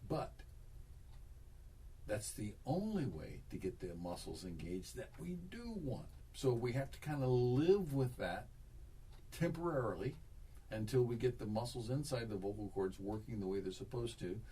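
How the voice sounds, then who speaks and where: Male voice teacher coaching a student; lively, expressive delivery, recorded from across the room. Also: mid-range voice, normal speed, husky, far from the mic. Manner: coaching, demonstrates vocal exercises, repeats himself. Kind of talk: one-on-one singing lesson.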